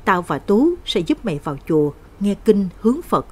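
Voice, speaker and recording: An earnest older village woman pleading with an old friend, voiced by a woman narrator. Her voice is breathy and lively in pitch. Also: moderate pace.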